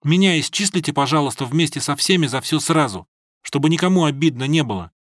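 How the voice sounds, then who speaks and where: A man's voice: fairly high pitch, animated, quick pace, dry recording, studio quality. A man voicing a naive, earnest young male student who pleads and blurts out whatever he thinks, in an audiobook.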